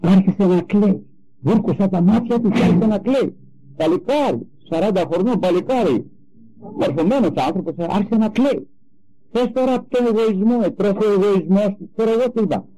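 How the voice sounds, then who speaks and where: Older male preacher, high-pitched and mellow, emphatic anecdotal sermon delivery. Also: poor audio. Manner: animated, emphatic storytelling. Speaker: religious speaker.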